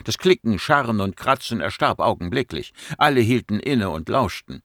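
A man narrating an audiobook in a measured storytelling voice that slows for dramatic moments. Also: fairly low pitch, animated, a bit bright, dry recording, studio quality. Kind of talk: scripted narration.

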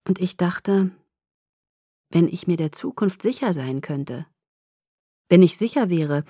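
A woman reading a novel aloud in the first person, measured and expressive. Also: fairly low pitch, no room sound, clean studio sound. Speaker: audiobook narrator.

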